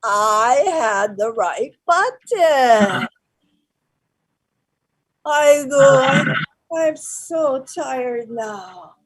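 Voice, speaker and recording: A fierce old grandmother, played by an actress on stage, her voice set high and swinging wildly up and down. She talks in slow, broken English, with bursts of shouting that drop into hushed murmurs. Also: animated, heavily acted, poor audio. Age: older. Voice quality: broken English, shifting between shouts and whispers. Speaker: actor. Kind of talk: live-streamed stage play.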